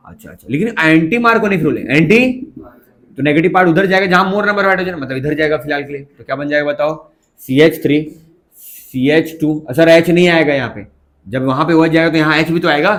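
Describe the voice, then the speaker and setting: A man teaching a chemistry lesson, constantly checking whether his students understood. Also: fairly high pitch. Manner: coaxing, keeps asking students if they understood. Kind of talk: classroom lecture.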